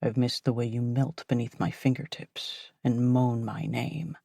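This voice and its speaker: A dominant, possessive man from an audiobook romance, speaking low and deep, as a woman puts him on. His commanding murmur comes out gravelly and husky. The recording is dry and close. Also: level tone, measured pace, warm tone, no room sound, full character voice. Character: dominant, possessive adult male lover.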